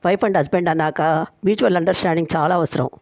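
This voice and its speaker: A woman storyteller voicing a bossy, sharp-tongued young woman who sets firm terms for her marriage. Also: fairly low pitch, quick pace, no room sound, studio quality, natural voice. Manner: firm, teasing, laying down conditions.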